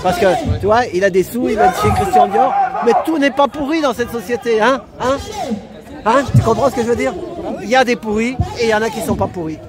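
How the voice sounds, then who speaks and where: A man's voice: very high voice, fairly quick. A man chatting casually and colloquially as he streams from a city street, insistent and often repeating his phrases. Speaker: live streamer filming street interviews. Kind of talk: animated casual street chat. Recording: loud crowd and music, outdoor street noise.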